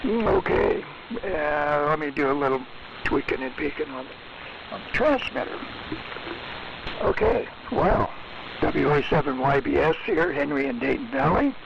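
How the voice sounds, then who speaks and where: An older man checking into a ham radio net, his voice coming through a slightly mistuned sideband radio signal, talking about his gear in a halting way full of fillers. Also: a little high, creaky. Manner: halting, filler-heavy technical talk. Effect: slightly mistuned single-sideband ham radio signal. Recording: noisy, lo-fi shortwave radio reception.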